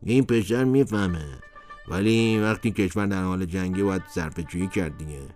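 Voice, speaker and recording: A man's voice: sits low, darkish tone, soft background music, lightly acted. A man playing a shrewd, kindly shopkeeper. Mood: approving.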